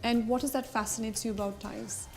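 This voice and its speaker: A woman hosting a TV interview, upbeat and quick to laugh. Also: on the high side, fairly even intonation, gravelly, soft background music. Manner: bright, upbeat, laughs often. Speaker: talk-show host.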